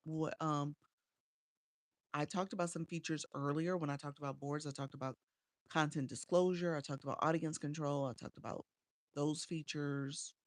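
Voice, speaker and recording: At a normal speed and with fairly even intonation, a low-voiced Chicago woman coaches live streamers in a casual livestream chat. Using a small desk microphone at home, she reads viewers' comments aloud and answers them with frequent "um"s. The audio is studio quality, with no room sound.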